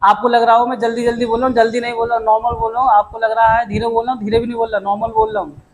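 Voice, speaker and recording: A man teaching an accounting lecture in a brisk, chatty way, calling students "beta" and "dost" and dropping English terms into his explanations. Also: extremely high pitch, flat delivery, slight background noise, poor audio. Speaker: commerce tutor. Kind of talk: classroom lecture.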